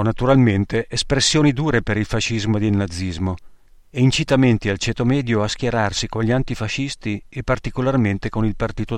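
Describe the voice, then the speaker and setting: A man reads a wartime memoir aloud in a measured, grave way. His voice is fairly low. The recording is dry and close, with no room sound. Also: no room sound. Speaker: narrator.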